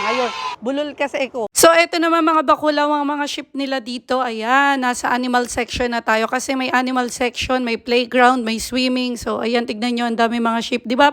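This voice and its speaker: A woman's voice: a little high, fairly bright tone, no echo, studio quality. A woman from the Philippines giving an upbeat, chatty vlog tour of an outdoor farm, often laughing, filmed on a handheld phone. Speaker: vlogger.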